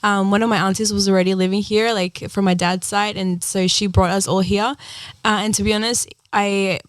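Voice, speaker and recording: A young woman from Ecuador chats earnestly as an interview guest, her talk full of "like" and "um." Her voice sits at a middle pitch, and the recording is close and dry. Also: flat delivery, moderate pace, dry recording. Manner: chatty, earnest, many "like" and "um" fillers. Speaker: singer-songwriter guest. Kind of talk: casual interview chat.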